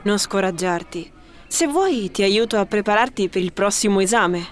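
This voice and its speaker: Woman as supportive young friend, medium pitch, natural read. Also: expressive, normal speed, natural voice. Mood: encouraging. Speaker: dialogue voice in a language lesson. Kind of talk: scripted dialogue.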